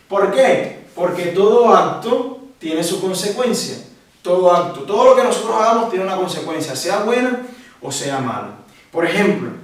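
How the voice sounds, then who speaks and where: A man from Ecuador teaching a catechism lesson to young people, lively and asking questions that he answers himself. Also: high-pitched. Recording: echoey room, voice from a distance.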